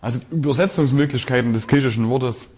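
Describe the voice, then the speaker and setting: A man preaching a sermon, reading scripture aloud slowly and repeating key phrases with shifting emphasis. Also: mid-range voice, darkish tone, husky.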